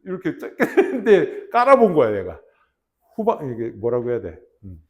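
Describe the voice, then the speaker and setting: Animated Korean teacher man storytelling. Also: mid-range voice, moderate pace. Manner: animated, acts out barked army roll calls. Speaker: English teacher. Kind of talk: casual classroom storytelling.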